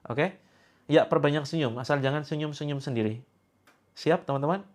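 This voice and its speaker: A brisk, fairly high-pitched man in his sixties, a preacher running a healing session before a live crowd. He teases playfully and jokes freely with the audience.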